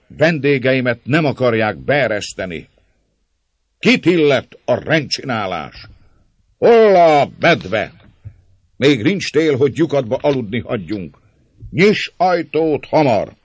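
A man's voice: lowish voice, very animated, dry recording, pitched above the performer's own voice. A man voicing a bold, jovial young male leader, speaking in a raised, hearty, declaiming voice in an audiobook. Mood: jeering. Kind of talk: audiobook character voice.

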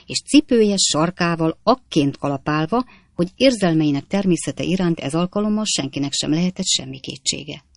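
A woman narrates a classic novel as an audiobook in an even, measured storytelling manner. Her voice sits on the lower side, and the recording is dry and close with no room echo. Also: vocal fry.

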